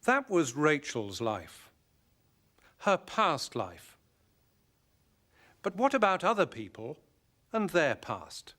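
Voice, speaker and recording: A man presenting an English lesson, drilling words clearly and deliberately in scripted narration. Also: on the high side, sing-song, fairly bright tone.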